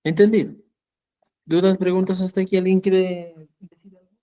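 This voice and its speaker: A man's voice: high-pitched, little pitch movement, moderate pace, mellow, lo-fi sound. A man teaching a language lesson, patiently repeating words and often checking that his students follow.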